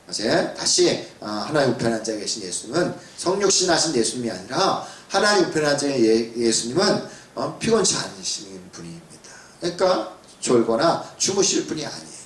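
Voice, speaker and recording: In a church sanctuary, a male pastor with a mid-range voice delivers a sermon, talking casually with his congregation. He asks rhetorical questions and acts out what people say, and the sound is roomy, picked up from a distance.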